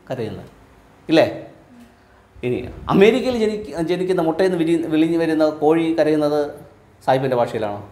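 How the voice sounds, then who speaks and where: A man from Kerala teaching like a preacher, firing quick rhetorical questions at his listeners and dropping low and quiet at the ends of his points. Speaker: spiritual teacher. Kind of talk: sermon-style teaching to a live audience. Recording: roomy echo from a hall.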